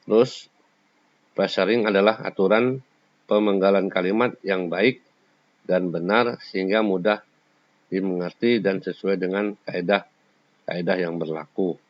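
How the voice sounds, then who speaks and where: A man's voice: low-pitched, steady tone, a little slow, long pauses. A man teaching a school lesson, explaining each point in turn and sometimes singing short examples. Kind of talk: classroom lecture. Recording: slightly dull lo-fi sound.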